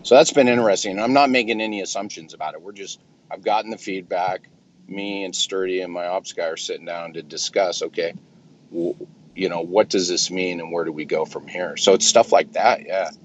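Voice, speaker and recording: A man who runs a clinic, talking casually and emphatically in a group discussion, often clearing his throat. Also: low-pitched, fairly quick, dull audio, slight background noise. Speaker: clinic owner.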